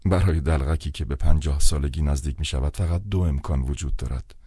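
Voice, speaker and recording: Brief: male audiobook narrator, extremely low bass, dry studio sound, measured deadpan delivery. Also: husky, dry recording. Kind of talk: scripted literary narration.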